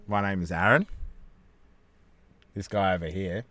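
A man's voice: low-pitched, unhurried, pushed and bright, no room sound, faint music behind. An Australian man hosting a podcast, telling stories and bantering casually in a cheeky, sweary way. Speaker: podcast host.

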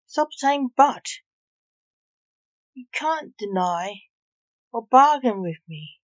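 A woman's voice: medium pitch, slow pace, a little mellow, no echo, natural voice. Woman reading as a brusque skeletal male Reaper, stern clipped lines, audiobook story, dry muffled recording.

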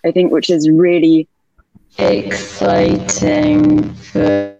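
A woman's voice: low voice, wildly swooping pitch, very slow, vocal fry, music in the background. A woman speaking as a panelist over a video call, her voice warbling and turning robotic as the connection breaks up, talking hesitantly with many fillers. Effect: glitchy, robotic-sounding video call audio. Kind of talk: online panel discussion. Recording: dull, dry video call line.

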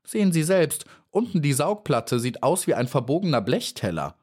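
A man's voice: big pitch swings, normal speed, darkish tone, slightly rough. A man voicing a cheeky, boastful little female housefly in a storybook reading, cocky and dismissive. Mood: huffy, chatty. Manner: cocky and dismissive, then shrill and pleading.

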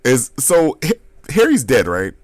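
A man co-hosting a podcast, chatting casually about comics and reacting with animated, high-pitched disbelief. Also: a little slow, no echo. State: hiccups. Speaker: podcast co-host. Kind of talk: casual comic book chat.

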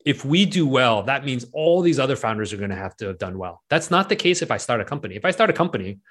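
Talking fast in a mid-range voice, a Penang-born guest investor in his late thirties keeps the interview chat casual and loose. He leans heavily on fillers, with plenty of "likes" and "rights".

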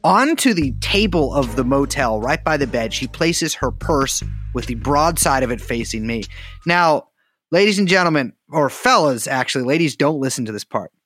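Brief: comedic podcast co-host, rambling and hyperbolic, with a lively, swooping delivery and faint music behind. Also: mid-range voice, moderate pace, no echo.

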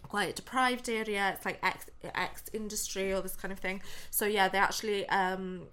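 A woman's voice: mid-range voice, steady tone, moderate pace, a bit bright, clear, resonant tone. A woman in her twenties with a South Wales Valleys accent, chatting casually and a little hesitantly as an interview guest. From Pontypridd, South Wales. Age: 20s. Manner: chatty, hesitant, laughs readily. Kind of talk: casual chat.

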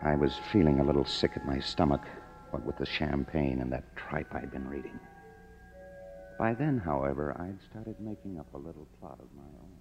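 A bass-voiced American actor, his tone darkish and his pace moderate, voices a broke, cynical young screenwriter telling his own story with a wry, weary, sardonic edge. It's a 1950s radio drama heard through a muffled old broadcast with background music.

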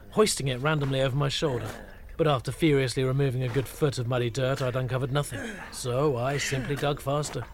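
Deadpan man, mock-pompous narration. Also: mid-range voice, noisy background. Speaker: narrator of a comic pub review. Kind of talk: scripted comic narration.

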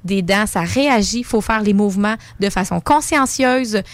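A woman's voice: mid-range voice, normal speed. A woman with a Quebec French accent, a dental hygienist on a radio show, insistently urging listeners. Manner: earnest, insistent warnings. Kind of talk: casual radio chat.

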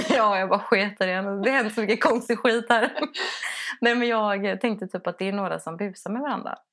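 A woman, co-hosting a casual podcast chat, telling a story with lots of laughter and acted-out voices. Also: mid-range voice. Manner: animated storyteller, acts out quoted voices, laughs often. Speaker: podcast co-host.

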